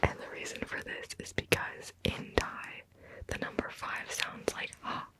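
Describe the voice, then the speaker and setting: A woman whispers ASMR right in your ear, captured on a close binaural microphone. Her delivery is slow and breath-only, and she lingers on words, often saying them again. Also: pushed and bright. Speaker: ASMR video host.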